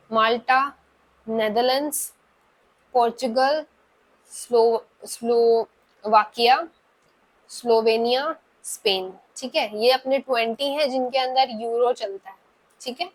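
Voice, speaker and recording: A woman's voice: on the high side, poor audio. A young woman teacher giving an exam-prep lecture, going through lists one by one and often checking in with "है ना". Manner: slow, spelling out lists item by item with frequent "है ना".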